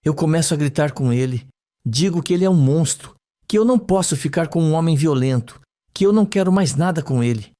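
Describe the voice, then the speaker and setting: Brisk and animated, a man reads a soap recap in a warm, fairly high voice that is pushed up yet near everyday speech. He portrays a frightened young woman dreamily and shakily recalling a scene under hypnosis. The atmosphere is tense.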